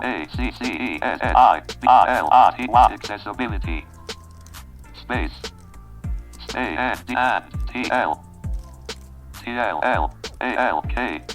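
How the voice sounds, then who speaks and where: A robotic synthesized male screen-reader voice, clipped and flat, spelling out typed letters one by one. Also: mid-range voice. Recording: distant computer speaker, faint music behind.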